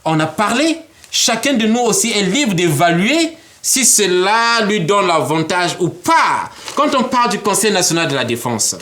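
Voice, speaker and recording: A man lays out his political ideas as an interview guest. His voice sits high and swings widely up and down as he explains. He talks in an animated way, often slipping into little acted-out exchanges and laughing. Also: moderate pace, few pauses. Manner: animated, acts out imagined dialogues, laughs often.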